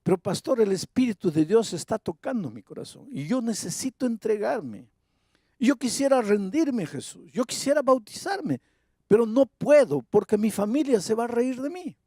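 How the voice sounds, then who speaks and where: A male preacher lowers his voice into a tearful old man of about eighty, soft and halting as he confesses. The sound is dry and close, with hardly any room around it. The words come slowly and hesitantly. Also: lively intonation, breathy edge, no room sound, heavily acted. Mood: pleading.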